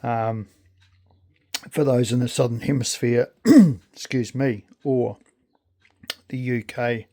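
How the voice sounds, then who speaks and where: A man talks through a casual hands-on demonstration. His voice sits at a medium pitch, and he speaks very slowly, in a halting, friendly way. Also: dark tone. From New Zealand. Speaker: video creator.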